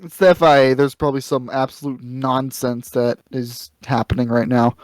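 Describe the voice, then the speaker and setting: A man's voice: mid-range voice, level tone, a little mellow, no echo. Jokey guy on a racing podcast, teasing the others, dry mic sound. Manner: teasing, jokey, quick asides. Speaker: podcast co-host. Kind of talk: casual banter.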